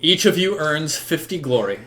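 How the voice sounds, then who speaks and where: A man's voice: on the high side, sing-song, moderate pace, background noise. A man running a tabletop role-playing game as game master, narrating scenes with frequent ums and restarts. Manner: hesitant, filler-heavy narration.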